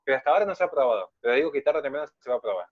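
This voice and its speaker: A man's voice: medium pitch, expressive, very fast, dry recording, narrow, tinny audio. A man giving an emphatic, polemical online lecture and answering questions.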